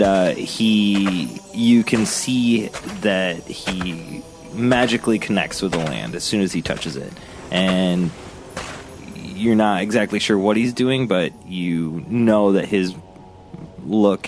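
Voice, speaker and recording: A man acting as game master, improvising scene descriptions for a tabletop game in a halting way. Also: sits low, faint music behind. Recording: clear background noise.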